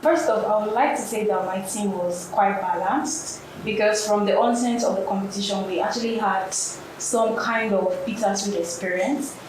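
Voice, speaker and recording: A young Nigerian woman giving an explanatory answer as an interview guest. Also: medium pitch. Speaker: interview guest, trading competition participant. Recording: very echoey, distant mic, faint noise.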